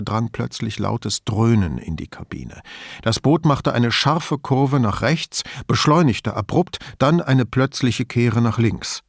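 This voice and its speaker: A man narrating an audiobook in a steady, even storytelling voice. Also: medium pitch, gravelly, dry recording, clean studio sound. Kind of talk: scripted narration.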